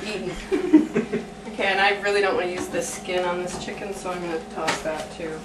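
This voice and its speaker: On the low side with fairly even intonation, a young woman speaks briskly during a casual cooking demo for her home vlog. She chats and jokes to the camera as she works in her kitchen. The echoey room and a camera mic a few feet away produce noisy audio.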